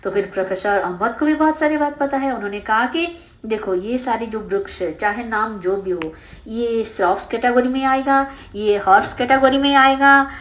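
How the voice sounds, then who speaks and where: Fairly high-voiced woman teaching science. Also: a bit bright. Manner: reads textbook lines slowly in English, then explains in Hindi with fillers; asks the students questions and answers them herself. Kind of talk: textbook lesson explained in Hindi and English.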